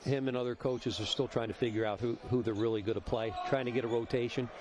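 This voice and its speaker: A man's voice: medium pitch, steady tone, quick pace. A man giving color commentary on a basketball game, conversational and loose. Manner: conversational, hedging with "you know". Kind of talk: casual analytic commentary. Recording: loud arena noise behind.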